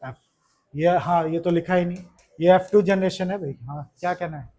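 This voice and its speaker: एक पुरुष शिक्षक कक्षा में छात्रों को पढ़ा रहा है, बार-बार सवाल पूछता है और मज़ाक में छेड़ता है।. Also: male voice, sits high, moderate pace, dark tone. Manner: chatty, keeps asking questions, teasing. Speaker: teacher. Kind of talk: classroom lesson to students. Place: classroom.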